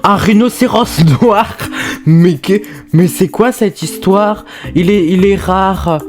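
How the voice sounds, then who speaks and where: A woman streamer giving casual gaming commentary, excitable and prone to loud, squealing outbursts. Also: medium pitch, slow. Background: faint background music.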